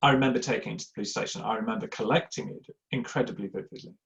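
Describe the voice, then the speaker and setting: A middle-aged man with a gravelly edge to his voice, talking to a live audience in a loose, rambling way. He wanders into personal anecdotes, pokes fun at himself and fills the gaps with ums and uhs. The recording is a little dull and lo-fi. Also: on the low side, fairly even intonation, racing. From Yorkshire, England. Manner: rambling, anecdotal, self-deprecating, many fillers. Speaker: church giving speaker. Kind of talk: informal talk to a live audience. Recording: slightly dull lo-fi sound.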